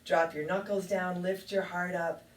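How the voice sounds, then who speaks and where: A woman teaching a yoga class, calmly calling out poses and breaths with a touch of self-deprecating humor. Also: fairly low pitch, unhurried. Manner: calm cueing with light self-deprecating humor. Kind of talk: guided yoga class instruction. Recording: echoey room, mic at a distance.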